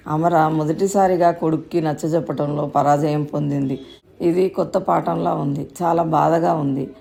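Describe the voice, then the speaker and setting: A woman reads a storybook aloud in a steady, calm manner. Her voice is low and dark, with a gravelly grain. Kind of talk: scripted narration.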